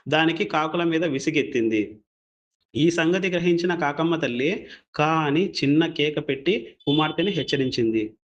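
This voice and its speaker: A man's voice: a little high, dull audio. Man narrating a folk tale. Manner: steady, plain storytelling. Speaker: storyteller. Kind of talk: scripted narration.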